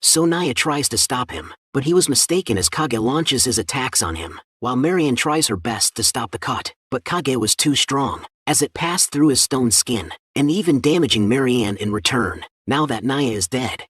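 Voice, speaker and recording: A man narrating a comic story recap as a steady scripted read-through. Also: medium pitch, slightly rough, dry recording, clean studio sound.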